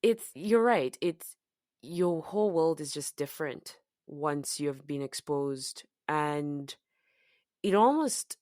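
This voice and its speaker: A podcast co-host from Zambia, a woman whose accent has been softened by years in the US and UK, chats casually and reflectively with frequent fillers and restarts. Her deep voice has lively intonation and a slow pace. The studio-quality sound has no echo.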